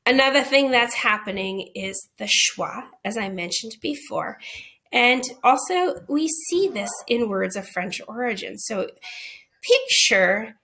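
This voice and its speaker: A woman's voice: on the high side, expressive, unhurried, sharp tone, a little hiss or hum. A woman answering teachers' questions in a recorded phonics lesson, explaining patiently and checking in with "okay?" and "right?".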